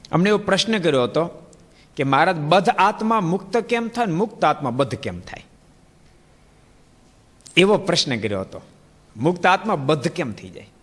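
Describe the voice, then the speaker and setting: A man's voice: high voice, long reverb tail. A man with a Gujarati accent giving a sermon, telling stories and acting out the dialogue. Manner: animated storytelling, acting out dialogue. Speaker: preacher. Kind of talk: sermon with storytelling.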